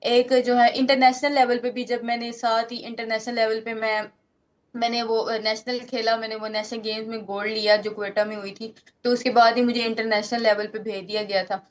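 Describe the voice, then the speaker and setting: A 19-year-old woman boxer from Pakistan with a Pakistani Urdu accent, answering interview questions earnestly, often pausing and restarting. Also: a little high, little pitch movement, dull audio. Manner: earnest, halting, many fillers and restarts.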